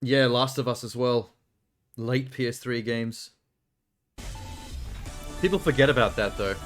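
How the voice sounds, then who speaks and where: A man's voice: medium pitch, fairly even intonation, unhurried. A man with a mid-range voice gives casual live reactions as a streamer. He is blunt and offhand, dropping swear words as he goes. Faint music plays behind him. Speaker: livestreamer reacting to a game show broadcast.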